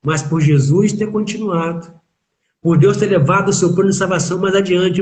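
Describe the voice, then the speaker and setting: Brazilian pastor preaching with emphatic questions. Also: male voice, a little high, darkish tone. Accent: Brazilian Portuguese. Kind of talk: sermon in a live online chat.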